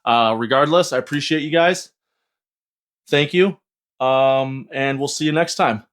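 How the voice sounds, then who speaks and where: A man's voice: medium pitch, a little slow, a bit bright. A young man vlogging casually about 3D printing, rambling and hesitant with lots of filler words. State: hyped on an energy drink. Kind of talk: casual vlog talk.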